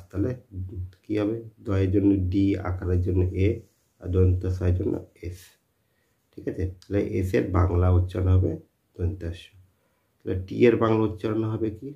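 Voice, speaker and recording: A man with a low voice teaches a spoken lesson, putting questions to his students and answering them himself. He repeats each point patiently. The recording sounds dull and lo-fi. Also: vocal fry, warm tone. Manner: repetitive, asks and answers own questions. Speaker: English teacher.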